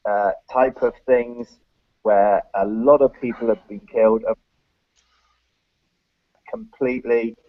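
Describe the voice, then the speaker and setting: A man chatting casually on an online call, halting with fillers and restarts while his audio glitches and cuts out. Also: medium pitch, fairly even intonation, no room sound, highs cut off. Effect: glitchy audio cutting out. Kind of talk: casual chat.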